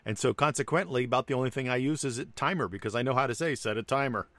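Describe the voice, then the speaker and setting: A man's voice: mid-range voice, very fast, fairly bright tone, dry recording. A man co-hosting a casual tech chat, chatty and wry, often laughing at his own examples. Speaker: tech podcast co-host.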